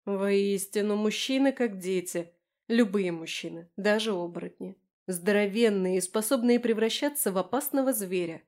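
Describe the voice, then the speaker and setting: A woman's voice: medium pitch, normal speed, a little mellow. Woman reading a first-person story. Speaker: audiobook narrator. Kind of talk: first-person audiobook narration.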